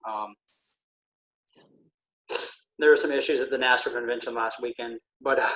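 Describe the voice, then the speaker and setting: A man who is feeling ill, a military veteran speaking earnestly and haltingly with many pauses in a casual podcast conversation. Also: medium pitch, fairly even intonation, fairly bright tone, poor audio.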